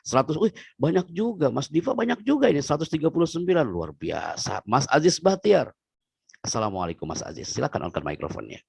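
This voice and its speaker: A man leads an online public speaking seminar with a playful, animated delivery, his pitch leaping up and down through each phrase. His voice has a gravelly rasp, and the recording is dry and close. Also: fairly quick, no echo. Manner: animated, playful, swings between loud and hushed. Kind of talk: lively online seminar talk. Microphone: video call.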